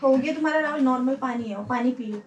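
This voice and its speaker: High-voiced exasperated woman, echoey and noisy. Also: quick pace, lo-fi sound. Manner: exasperated, scolding and coaxing. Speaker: wife and mother. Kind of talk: casual home talk. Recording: distant mic, echoey room, loud background noise.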